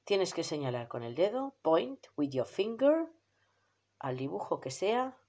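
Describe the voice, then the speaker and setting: Teacher from doing a kids vocab lesson, slow and patient, voice goes way up and down. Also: mid-range voice, big pitch swings, darkish tone. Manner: patient, repeats each word slowly for the child; encouraging, praises often. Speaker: English teacher for children.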